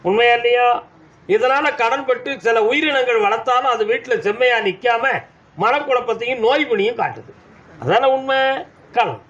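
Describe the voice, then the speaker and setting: His pitch is extremely high, expressive and a bit bright, moving at a moderate pace, as he speaks for the deity at a village temple. The man, from Tamil Nadu with a southern Tamil accent, is a trance oracle giving devotees commanding, scolding answers. Sound quality is dull, with faint noise in the background.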